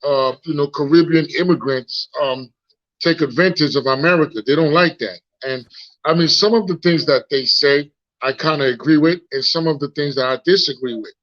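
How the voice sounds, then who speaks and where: Heard over lo-fi phone audio, this guest, a founder from Haiti in his forties, answers openly in a live interview, his Haitian accent clear as he repeats words hunting for what to say. He has a fairly high, slightly bright voice and keeps a moderate pace.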